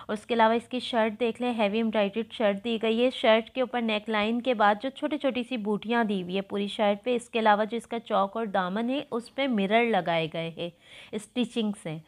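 A woman with a Pakistani Urdu accent, narrating a clothes-shopping vlog voice-over and gushing over each outfit as she describes it. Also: on the high side. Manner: repetitive, gushing product descriptions. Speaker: shopping vlogger. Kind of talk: voice-over product walkthrough.

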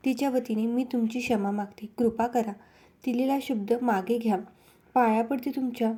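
A woman voicing a gentle, imploring young princess. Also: on the high side, steady tone, normal speed, breathy edge. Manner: earnest, imploring.

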